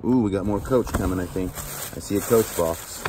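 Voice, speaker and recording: A storage auction vlogger with a low voice chats casually at a moderate pace while unboxing shoes outdoors by a cardboard box. He films first-person on a handheld camera, and loud outdoor noise fills the background.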